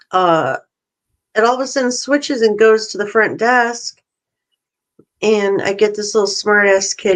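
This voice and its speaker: A middle-aged woman co-hosting a casual chat, telling animated stories and acting out both sides of a phone call. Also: mid-range voice. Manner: animated storyteller, acts out phone calls. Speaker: podcast co-host.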